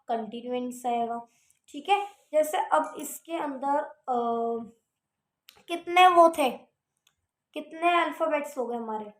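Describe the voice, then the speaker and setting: A woman's voice: high-pitched, roomy sound. A woman teaching shorthand in casual Hindi with English terms. She keeps checking understanding with "theek hai". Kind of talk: casual classroom explanation.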